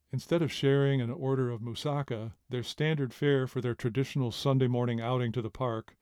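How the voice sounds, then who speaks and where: A man reading an audiobook in measured, expressive storytelling. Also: medium pitch, no room sound, clean studio sound. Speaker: audiobook narrator. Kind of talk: scripted audiobook narration.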